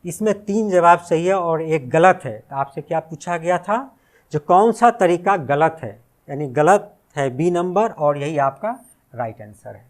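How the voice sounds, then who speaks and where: A man's voice: fairly high pitch, animated, measured pace. A male teacher explaining exam questions step by step, repeating key phrases and asking rhetorical questions. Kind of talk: exam-prep lesson.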